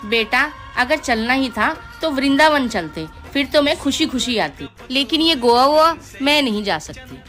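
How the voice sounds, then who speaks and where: A woman acting a homely mother-in-law in a scripted family drama, gently grumbling. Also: high-pitched, lively intonation, moderate pace, few pauses, soft background music.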